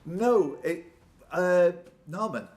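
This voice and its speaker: This high-pitched, expressive quizmaster speaks extremely slowly with a darkish tone, reading questions and bantering with players by name at a live pub quiz. Room ambience and background noise come through clearly.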